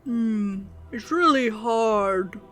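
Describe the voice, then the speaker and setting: Brief: a woman doing a dim, burly male guard, gruff and sluggish, for a tabletop game. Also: sits high, drawn-out words, a bit bright, faint music behind, exaggerated voice. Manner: gruff, sluggish, angling for a bribe. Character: brutish, slow-witted male gate guard.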